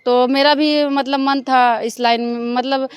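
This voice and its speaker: A young woman from Bihar, answering interview questions in a casual, halting way full of fillers. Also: high voice, fairly even intonation, clean tone, dry recording, studio quality. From Bihar, India. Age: young adult. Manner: halting, many fillers and restarts. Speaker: stage dancer, interview guest.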